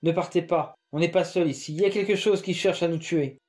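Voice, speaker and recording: A man voicing Étienne, a frightened young boy shouting warnings to his mother in a scary story. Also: on the high side, fairly even intonation, brisk, close to an everyday voice. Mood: panicked.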